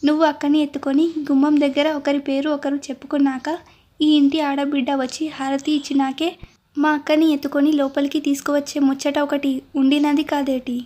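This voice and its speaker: Woman reading cheeky village guy, rustic joking talk, high voice. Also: monotone, fairly quick, mellow, lightly acted. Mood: teasing. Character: cheeky young village man, teasing.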